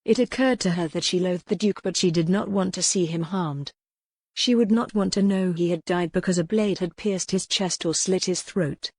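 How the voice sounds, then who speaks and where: A woman with a fairly low voice narrates a scripted historical romance audiobook at a moderate pace. Her storytelling is expressive and dramatic, recorded dry and close.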